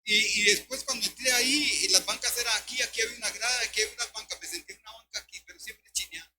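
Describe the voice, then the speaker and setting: A man's voice: very high-pitched, very fast, music in the background. An older man, preaching an emphatic sermon as pastor and often calling his listeners brother. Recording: noisy recording with steady hum.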